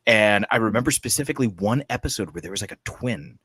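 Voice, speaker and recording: A man in his thirties co-hosting a horror movie podcast, talking casually with lots of fillers and animated storytelling. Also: on the low side, quick pace, slightly rough, dry recording. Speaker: podcast co-host. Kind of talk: casual chat.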